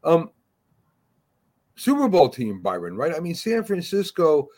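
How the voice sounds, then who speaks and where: Halting, conversational man hosting. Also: on the high side, huge pitch swings, a little mellow. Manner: conversational, halting, leads the talk and hands it to others. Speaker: sports talk host. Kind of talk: casual sports talk.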